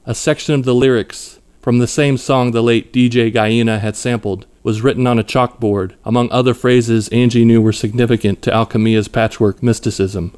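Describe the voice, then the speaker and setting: A man narrates his own short story in a measured, even way. His voice is clear and smooth, with a mid-range pitch. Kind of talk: scripted narration.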